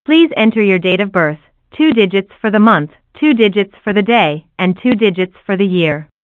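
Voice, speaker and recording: A woman's voice giving recorded phone menu prompts in an even, measured delivery. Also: medium pitch, no room sound. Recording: tinny dry phone line.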